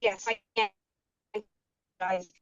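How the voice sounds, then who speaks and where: A woman's voice: mid-range voice, steady tone, takes it slowly, a bit bright, clean tone, no echo. Woman calling in over a muffled phone line. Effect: over a phone line that breaks up. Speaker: call participant. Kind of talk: casual group video call. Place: in a moving car.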